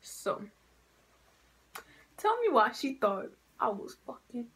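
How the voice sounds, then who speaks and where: Animated husky young woman telling a story. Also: fairly high pitch, takes it slowly. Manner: animated, acts out quoted voices, swings between loud and hushed. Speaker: vlogger. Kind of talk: storytime vlog.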